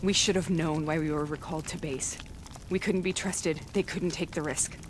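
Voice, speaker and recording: A woman playing a haunted soldier in a video game, narrating in a grave, measured, introspective way. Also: low-pitched, steady tone, noisy background, natural voice. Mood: grim, defiant. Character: haunted female soldier recounting betrayal and doubt. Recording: loud music under the voice. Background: loud game score.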